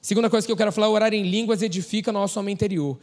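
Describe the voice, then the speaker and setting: A man with a Brazilian Portuguese accent preaching a sermon in a relaxed, slangy way, telling stories and laughing. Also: sits high, racing. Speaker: pastor.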